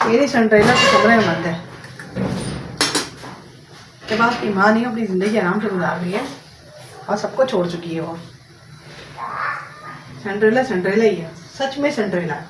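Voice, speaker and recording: A woman's voice: medium pitch, moderate pace, long pauses, a bit bright. A woman chatting and rambling in a casual home vlog while she cooks, tossing in English words. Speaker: home vlogger. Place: home, cooking in the kitchen. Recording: roomy, distant mic with noisy background.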